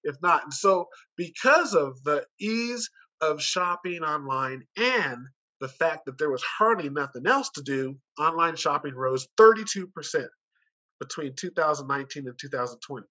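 This company director pitches sales at an online conference in a voice on the high side, animated and bright with a pushed quality, at a moderate pace. The video call sound is dull and muffled, and his persuasive, informal talk is full of rhetorical questions.

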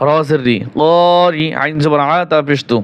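A man teaching a Quran recitation lesson, spelling out each letter and then chanting the verse with long drawn-out vowels. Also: fairly high pitch, steady tone, smooth, muffled recording.

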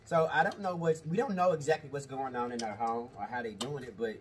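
A man in his thirties giving opinions in casual chat, halting and repeating himself for emphasis. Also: medium pitch, far from the mic, a little hiss or hum. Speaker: co-host, the host's husband. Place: indoor studio, seated at a table of food.

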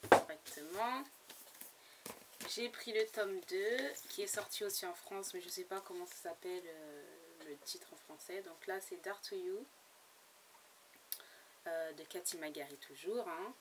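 A woman's voice: fairly low pitch, moderate pace. A woman chatting casually about books she bought, hesitant and full of fillers and restarts. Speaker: book blogger. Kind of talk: casual book haul vlog. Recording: slightly distant mic with faint background noise.

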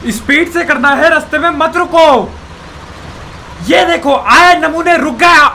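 A young man commentating his own gameplay, exasperated and pleading, often yelling at other players. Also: very high voice, a little slow, a little hiss or hum. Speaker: gaming YouTuber.

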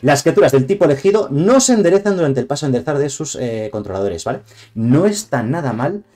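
A man's voice: a little high, big pitch swings, fast, dark tone. Chatty Castilian Spanish man streaming. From Spain. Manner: chatty, digressive, greets viewers. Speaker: streamer reviewing card game cards. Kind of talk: casual live-stream commentary.

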